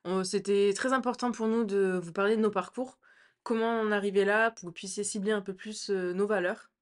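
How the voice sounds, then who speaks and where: A woman's voice: mid-range voice, steady tone, brisk. A young woman co-hosting a casual chat podcast, frank and hesitant, with many fillers. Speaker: podcast co-host.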